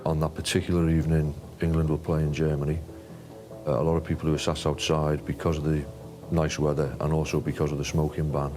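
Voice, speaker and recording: A man giving calm, factual background in a documentary interview. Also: very deep voice, brisk. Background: music score.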